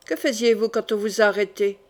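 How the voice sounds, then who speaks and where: A woman voicing a suspicious, stern young French king who questions his court in a probing, quietly menacing way, in an audiobook. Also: mid-range voice, steady tone, a little fast, natural voice.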